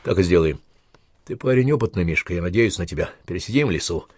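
A stern, gruff army captain, played by a man reading aloud speaks in clipped orders. The voice sits low and a little husky. The recording is close and dry. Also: animated, quick pace, darkish tone, dry recording. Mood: reassuring. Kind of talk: audiobook character reading.

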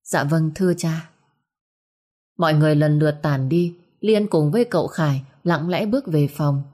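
A woman narrating a short story in an expressive, dramatic reading style. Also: low voice, a little fast.

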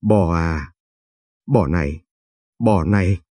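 A man's voice: low voice, slow pace, mellow, no echo, studio quality, pitched below the performer's own voice. A man reading the part of a brash young husband who swears and bullies. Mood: threatening. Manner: coarse, swearing and bullying.

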